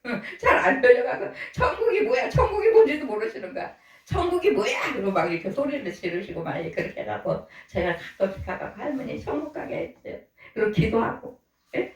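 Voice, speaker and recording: A woman's voice: mid-range voice, roomy sound, distant mic, rough recording. A woman pastor telling stories in her sermon, acting out the people she quotes and laughing often. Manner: lively storytelling, acts out quoted voices, laughs often. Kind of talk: storytelling sermon. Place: church hall.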